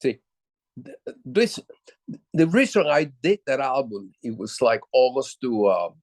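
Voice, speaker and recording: Telling stories as a guest musician in a laid-back interview, an older man from Puerto Rico speaks in a low, darkish, sing-song voice, frequently restarting in a halting way. No room sound comes through.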